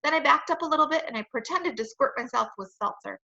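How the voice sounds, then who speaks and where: A woman reads a children's chapter book aloud with playful, expressive storytelling. Her voice is high and bright. The recording is dull and lo-fi. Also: quick pace, vocal fry.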